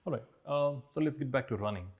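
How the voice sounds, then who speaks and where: A man hosting an interview, asking measured, soft-spoken questions. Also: mid-range voice. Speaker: host.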